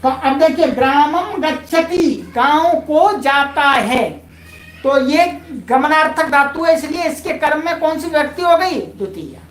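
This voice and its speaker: Female Sanskrit teacher, high voice, patient and repetitive, echoey room. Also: a little slow, slight background noise. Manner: patient, repeats key points, addresses viewers politely. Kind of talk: online grammar lesson.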